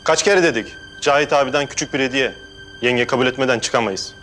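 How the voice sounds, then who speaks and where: An actor playing a rough young thug who makes threats, in a TV drama. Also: male voice, medium pitch, brisk, lightly acted. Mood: menacing. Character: menacing young thug, errand man. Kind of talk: TV drama acting. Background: background music.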